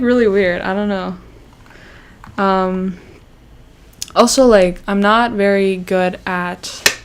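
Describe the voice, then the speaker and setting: A young woman from Canada with a medium-pitched voice chats casually while hosting a YouTube livestream, with slight background noise. She sounds self-conscious, rambling along with frequent fillers and restarts.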